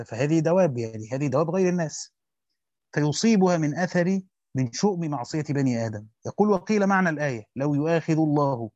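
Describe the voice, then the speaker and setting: A man with an Egyptian accent reads a Quran commentary aloud quickly as a teacher. He stops to explain grammar and quizzes his students. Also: fairly high pitch, darkish tone, no echo. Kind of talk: fast classical Arabic reading with colloquial explanations. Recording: dull lo-fi dry recording.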